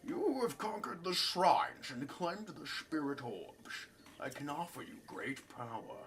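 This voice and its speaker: Solemn old man, put on by a game commentator, deliberate and formal. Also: fairly high pitch, sing-song, fairly bright tone, slight background noise, exaggerated voice. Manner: slow, formal reading in a put-on voice.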